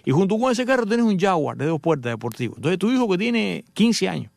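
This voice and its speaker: A man's voice: high voice, big pitch swings, a little fast, gravelly, darkish tone, no room sound. A middle-aged man, a motoring journalist hosting a radio show and telling joking anecdotes to his listeners. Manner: joking, chatty storyteller addressing listeners. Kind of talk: casual radio talk with anecdotes.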